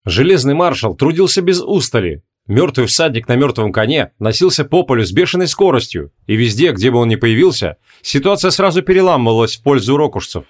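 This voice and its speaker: Steady male audiobook narrator. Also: mid-range voice, brisk, few pauses.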